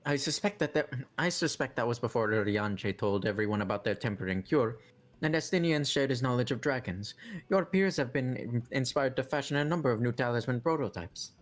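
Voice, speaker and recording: A man's voice: mid-range voice, expressive, brisk, soft background music, close to an everyday voice. A man reading aloud as a polite young assistant from a game, sometimes stumbling over words.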